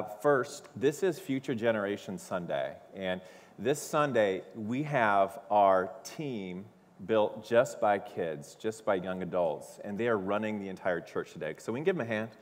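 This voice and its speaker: A man making live church announcements from the stage in a loose, upbeat way with plenty of fillers. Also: fairly low pitch. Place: church sanctuary. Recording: long reverb of a large church hall.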